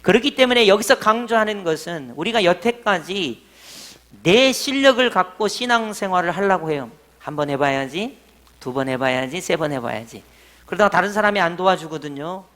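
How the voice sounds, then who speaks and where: A middle-aged pastor preaching a sermon, telling stories and swinging between loud emphatic lines and quiet asides. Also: male voice, high voice, animated, moderate pace. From Jeolla, South Korea. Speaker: senior pastor.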